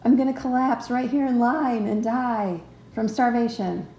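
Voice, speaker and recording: A grumbling body, hungry and worn out, whines its complaints in a raised, exaggerated tone, as a woman puts it on. The voice keeps a gravelly edge and sounds a bit distant in a roomy space. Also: a little high, steady tone, a little slow, mellow, a little hiss or hum, pitched above the performer's own voice. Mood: whiny. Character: whiny hungry tired human body, grumbling.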